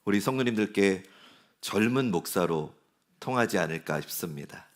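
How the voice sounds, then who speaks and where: A man's voice: sits low, animated, normal speed. A man in his forties, a pastor preaching a sermon in a conversational way and asking his congregation questions. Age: 40s. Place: church sanctuary.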